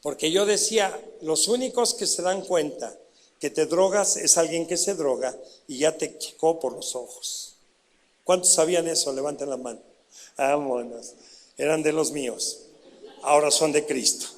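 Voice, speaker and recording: Animated high-voiced Mexican pastor preaching. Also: male voice, normal speed. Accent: Mexican Spanish. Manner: animated storytelling, questions to the congregation. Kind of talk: sermon testimony.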